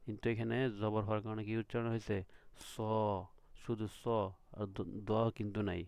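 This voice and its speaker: A man's voice: on the low side, completely flat delivery, fast talker, creaky, a little mellow, clean tone, dry recording. A man teaching letter sounds to beginners, patiently repeating each sound and checking with questions. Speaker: Quran reading teacher. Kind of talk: recorded lesson.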